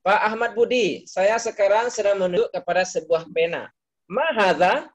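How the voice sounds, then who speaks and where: A man's voice: high-pitched, normal speed. A man teaching an Arabic class, explaining patiently step by step and calling on students by name to answer.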